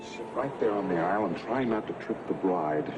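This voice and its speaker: An actor playing a hearty male boat captain who fondly scolds his bumbling friend in a booming way. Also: lively intonation, brisk, very noisy, lightly acted.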